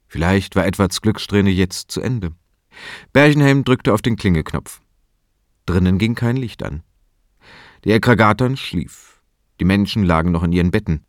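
A man narrating a crime audiobook in a calm, even storytelling manner. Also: lowish voice, dry recording, clean studio sound. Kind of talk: scripted narration.

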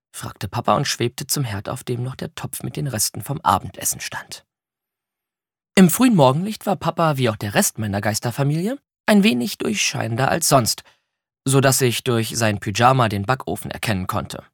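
Expressive male audiobook narrator. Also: medium pitch, creaky, breathy edge, no echo, clean studio sound. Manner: expressive storytelling. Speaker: audiobook reader. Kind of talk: scripted narration.

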